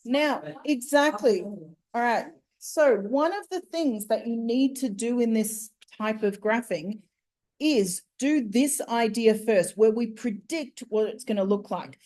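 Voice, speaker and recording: A fairly high-voiced woman teaches maths in a slow, deliberate way. She talks through each step and keeps asking her class questions as she goes. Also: a little mellow. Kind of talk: classroom lesson.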